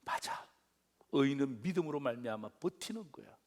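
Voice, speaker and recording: Middle-aged male pastor, lively sermon voice, asks the congregation questions, drops to whispers then booms. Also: a little fast.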